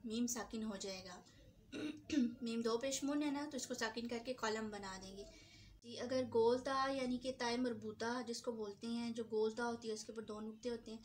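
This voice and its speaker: A woman's voice: on the high side, a little hiss or hum. Woman teacher with a sore throat. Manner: patient, repeats points, slows down for drawn-out example words. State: sore throat, clearing it often. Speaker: Quran recitation teacher. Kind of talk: tajweed lesson.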